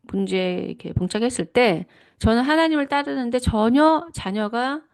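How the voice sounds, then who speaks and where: A middle-aged woman speaks in a fairly high voice with a lively, rising and falling melody. She delivers a devotional teaching talk with earnest personal testimony. She often pauses to rephrase herself as she reflects. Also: vocal fry. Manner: reflective, with frequent self-corrections.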